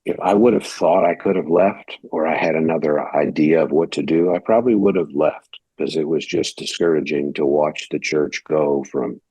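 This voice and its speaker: A man's voice: a bass voice, normal speed, few pauses, warm tone, breathy edge, no room sound. A male pastor from Detroit, Michigan, telling his story in a casual, rambling interview and acting out the lines of other people. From United States (Detroit, Michigan). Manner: conversational, rambling, acts out quoted dialogue.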